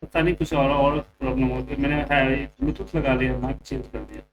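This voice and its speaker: A man's voice: mid-range voice, fairly even intonation, recorded from a distance, dull audio. A man teaching a live online coding class, explaining step by step, his voice distorted and clipping with a tapping crackle. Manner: explains step by step, slowly spelling out code. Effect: clipping, distorted mic with tapping crackle.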